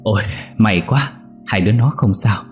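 A man's voice: fairly low pitch, moderate pace, soft background music, natural voice. A man voicing a chatty, superstitious young village woman.

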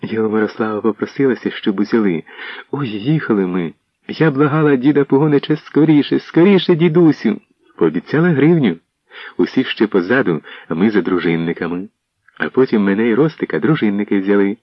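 A man reading an audiobook, voicing an excited young wife and mother who talks breathlessly, on a dull lo-fi recording. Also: on the low side, brisk, no room sound. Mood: chattering. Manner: breathless, gushing.

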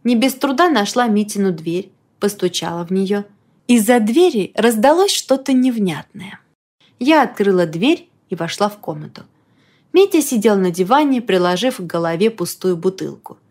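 Woman reading an audiobook, lively storytelling, mid pitch. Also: moderate pace. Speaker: audiobook narrator. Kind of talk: scripted first-person narration.

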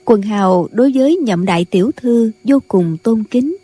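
A woman narrating a martial-arts audiobook in a measured storytelling manner. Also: a little high, lively intonation, mellow. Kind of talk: scripted narration.

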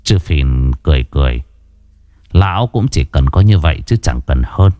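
Male horror narrator, deep voice, expressive, dry close mic. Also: moderate pace, no room sound. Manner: dramatic, shifting delivery. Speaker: storyteller. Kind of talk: dramatic horror story narration.

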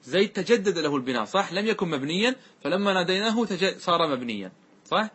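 A man's voice: sits high, lively intonation, fairly bright tone, husky. A man teaching a grammar lesson in a classroom-lecture style, explaining step by step and often checking that his students follow. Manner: recites verses slowly and deliberately.

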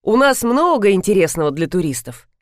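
A woman's voice: medium pitch, sing-song, brisk, no echo, clean studio sound, natural voice. A woman reading an audiobook, voicing a composed, firm and polite grown man. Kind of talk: audiobook character voice.

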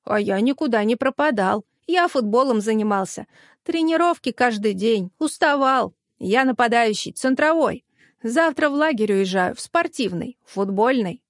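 A cocky, bragging schoolboy from a storybook, rattling off his boasts in a fairly high, quick voice, as a woman reads him. The recording is dry and close. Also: lively intonation, no echo, close to an everyday voice. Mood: boastful. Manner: bragging, fast-talking.

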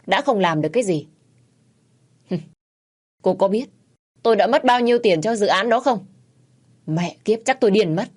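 A woman voicing a greedy, cruel middle-aged stepfather who shouts and curses with contempt. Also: fairly low pitch, fairly quick, natural voice. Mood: contemptuous.

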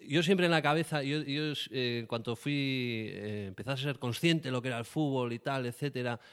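A man's voice: mid-range voice, moderate pace, a bit bright, clear, resonant tone, dry recording. A man hosting a podcast, chatting casually and rambling with many restarts and fillers. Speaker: podcast host.

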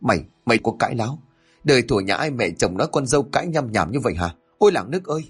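A man's voice: medium pitch, sing-song, very fast, breathy edge, faint music behind. A man voicing a scheming old woman, a fake shaman, with a trembling, scolding manner.

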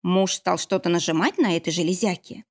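A woman narrating a first-person audiobook, expressive and sharp-tongued in her dialogue. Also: lowish voice, a little fast.

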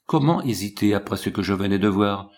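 Low-voiced man narrating a novel. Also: brisk. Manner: expressive, dramatic reading. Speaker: audiobook narrator.

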